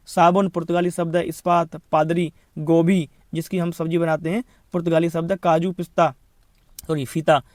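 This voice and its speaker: A Hindi grammar teacher with a slightly high, slightly mellow voice gives an exam-prep lesson with no room sound. He rattles off word lists rapidly and checks in often, repeating "thik hai."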